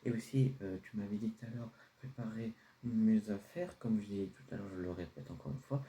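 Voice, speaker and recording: A man's voice: lowish voice, brisk, mellow, slight background noise, close to an everyday voice. A man playing a carefree teenage son who defends his outfit to his father in a homemade comedy sketch, hesitant and full of fillers. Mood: casual. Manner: casual, pleading, hesitant with fillers.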